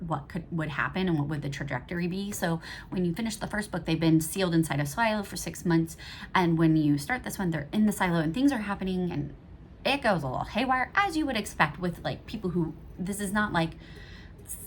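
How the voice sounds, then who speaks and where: A woman's voice: on the low side, a little hiss or hum. A woman giving a casual monthly reading wrap-up as a book reviewer, rambling and chatty, with many fillers and self-corrections.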